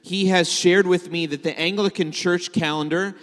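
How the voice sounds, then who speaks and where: A man's voice: high-pitched, steady tone, moderate pace, fairly bright tone. Joking male preacher in a reverberant hall. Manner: joking, conversational with fillers. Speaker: messianic rabbi preaching. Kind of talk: sermon.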